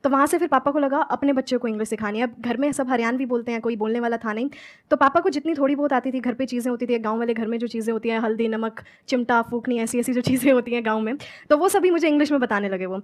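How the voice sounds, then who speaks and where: A woman's voice: on the high side, fast. A young woman from Haryana, an English coach, earnestly answering audience questions on stage in mixed Hindi and English. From Haryana, India. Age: young adult. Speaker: guest speaker, English coach.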